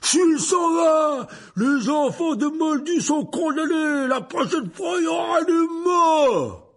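Giant hot-tempered gamekeeper, bellows slowly, loud and raised in a storybook reading. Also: male voice, very high-pitched, expressive, pitched above the performer's own voice, full character voice. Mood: furious. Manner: bellowing, slow and emphatic. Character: huge hot-tempered man, shaggy gamekeeper.

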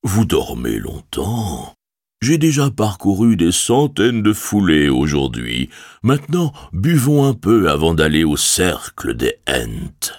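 Barbe-Bois, a man voicing a booming ancient tree giant. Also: huge pitch swings, no echo, studio quality, exaggerated voice. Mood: hearty. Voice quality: booming, deep. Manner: slow, drawn-out, ponderous speech. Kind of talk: audiobook character voice.

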